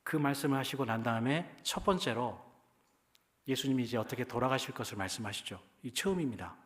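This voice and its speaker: A male pastor with a Jeolla accent delivers a sermon in a church, speaking at an ordinary middle pitch. He talks to the congregation in a conversational way and often turns to them with rhetorical questions. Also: fast. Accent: Jeolla Korean. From Jeolla region, Korea.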